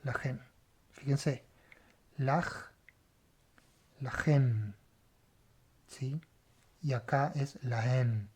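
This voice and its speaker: Teacher going through hebrew letter by letter, slow and patient, keeps asking "right?". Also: medium pitch, a little mellow, husky. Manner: patient, checks in with a questioning "right?" after each step; spells out letters and repeats sounds slowly. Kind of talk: word-by-word Bible language lesson.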